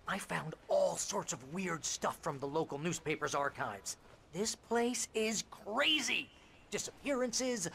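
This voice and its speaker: A man voicing a chatty, excitable agent and loyal best friend in a video game, talking in an eager, colloquial way. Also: sits high, slight background noise, full character voice. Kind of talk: video game dialogue acting.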